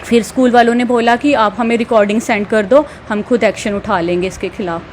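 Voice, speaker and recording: A woman's voice: a little high, fairly even intonation, fairly quick, a little mellow, slight background noise. A woman, a parent telling a reporter about a call she got, in a plain conversational way. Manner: plain conversational retelling, quotes dialogue. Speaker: interviewee, parent. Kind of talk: recounting an experience. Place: home, with light background noise.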